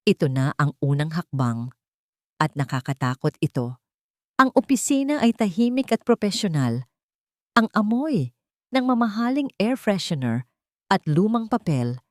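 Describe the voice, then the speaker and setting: A woman with a Filipino accent narrates a scripted, dramatic story for an audiobook. Her voice is lowish and a little mellow, and the recording is dry with clean studio sound.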